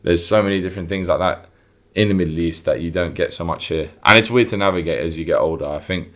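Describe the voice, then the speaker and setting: A young man from London talks in a deep voice with a strong local accent. He chats casually and informally, leaning on slang and putting emphasis on his points. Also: quick pace, a bit bright. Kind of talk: casual chat.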